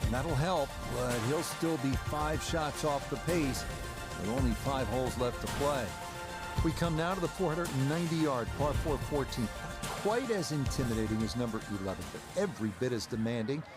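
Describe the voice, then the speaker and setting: A man giving polished, measured play-by-play as the lead golf commentator on a televised-style game broadcast. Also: mid-range voice, lively intonation, loud music behind the voice, natural voice.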